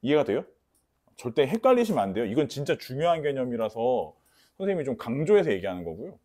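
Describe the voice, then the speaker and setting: A man teaching a math lecture emphatically, drilling warnings and checking his students understand, mixing polite speech with rough slang. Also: medium pitch, big pitch swings, fast, a little mellow. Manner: repeats key warnings, asks students for confirmation.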